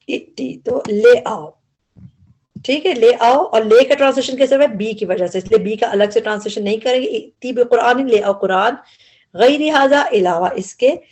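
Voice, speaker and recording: A woman's voice: mid-range voice, darkish tone. Woman patiently teaching word by word. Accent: Urdu. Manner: explains grammar patiently, repeats each word. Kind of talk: word-by-word Quran translation lesson.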